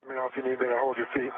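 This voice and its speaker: A man, an astronaut on a spacewalk, giving terse work calls over a crackly space radio link. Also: mid-range voice. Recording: tinny radio link with faint hiss.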